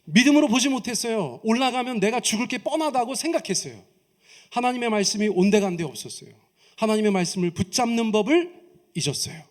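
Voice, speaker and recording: A man preaching a sermon as pastor, who leads his congregation in reading aloud, asks them questions, and swings between raised emphasis and soft low asides. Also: expressive, fast.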